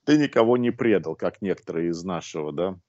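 Over a video call from his living room at home, a sixty-something guest spins casual stories, often restarting and using filler sounds. He speaks low and fairly fast with lively intonation and a darkish tone, heard through a wired earphone mic on dull, dry lo-fi audio.

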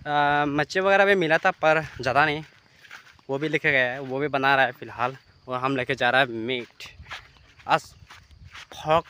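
Young male vlogger, bright slightly high voice, phone mic, light outdoor noise. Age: young adult. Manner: chatty, addresses viewers directly. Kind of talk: casual vlog narration. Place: outdoors by a river, then a hut indoors. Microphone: phone camera held at arm's length.

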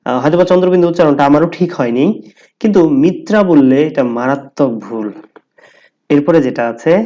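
Male teacher, mellow dark voice, patient explanatory delivery, dull lo-fi recording. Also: on the high side. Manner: explanatory, repeats words slowly for emphasis. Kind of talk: pronunciation lesson to camera.

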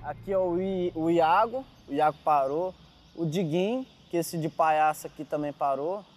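A young Brazilian man who dances on party trains, talking in a relaxed, chatty interview and laughing easily. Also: on the high side, moderate pace, a little hiss or hum. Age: young adult. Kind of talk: casual interview.

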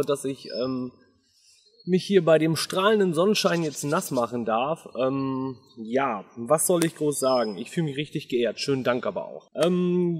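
A man's voice: fairly high pitch, long reverb tail. A man in his thirties talking casually and off the cuff to a camera a few metres away outdoors. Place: outdoors in a garden.

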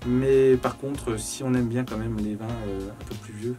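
With music playing in the background, a head sommelier from Charente, France, a man in his thirties, leads a guided tour of an indoor stone wine cellar. His medium-pitched voice keeps a steady tone at a normal speed, and he talks casually, full of fillers and "en fait."

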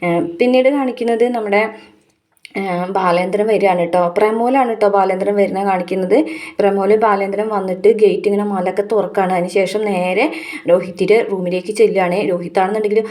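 Fast-talking woman retelling a serial. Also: mid-range voice, fairly even intonation, dark tone. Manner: ends many phrases with a tag word for the listener. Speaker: serial review narrator.

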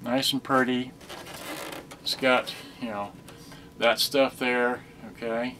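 Slow and flat, an older reviewer's mid-range voice accompanies an offhand, rambling demonstration as he handles gear indoors on carpet. A cassette radio plays loud music, and the audio comes from a camera microphone several feet away.

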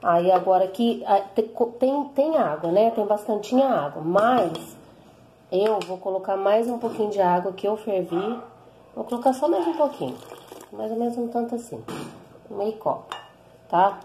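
A Brazilian vlogger with a medium-pitched, dark-toned voice sounds animated at normal speed while cooking at her home stove. Filming one-handed with her phone, she chats through the recipe step by step in a Brazilian Portuguese accent, using frequent tag questions amid slight background noise.

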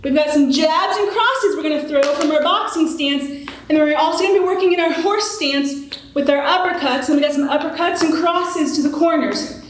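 A woman's voice: high voice, a little fast. A middle-aged woman working as an aerobics instructor, energetically calling out moves and counts with encouragement as she exercises. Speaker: fitness instructor. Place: large indoor exercise studio with wooden floor. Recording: very echoey studio, clear background noise.

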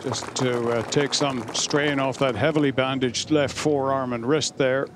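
A man's voice: medium pitch, steady tone, measured pace, some chatter behind. A man providing live sports commentary as a golf commentator. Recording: loud outdoor background noise.

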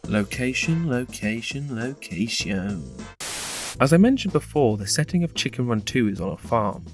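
Sardonic man reviewing a film. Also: mid-range voice. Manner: sardonic, punning. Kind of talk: scripted video-essay narration.

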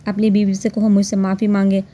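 A woman's voice: mid-range voice, completely flat delivery, a little fast, dark tone, lightly acted. A woman voicing a jealous, spoiled young woman in a spoken romance storybook, haughty and scolding. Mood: angry, sulky.

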